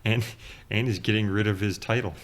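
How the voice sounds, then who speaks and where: A man co-hosting a podcast, talking in a relaxed, hesitant way with frequent pauses. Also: lowish voice, slight background noise. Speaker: podcast co-host. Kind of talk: casual chat.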